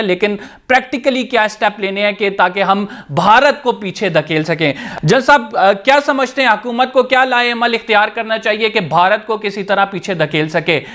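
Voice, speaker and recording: A man's voice: sits high, fairly bright tone. A man with a Pakistani Urdu accent hosting a TV current-affairs interview, asking formal, long-winded questions. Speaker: TV talk show host.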